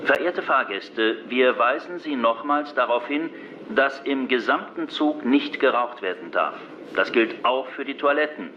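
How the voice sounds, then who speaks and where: A man's voice: medium pitch, animated, a little slow, lightly acted. A man acting a formal, courteous train announcer, reading scripted messages to passengers. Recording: dull, noisy train PA sound.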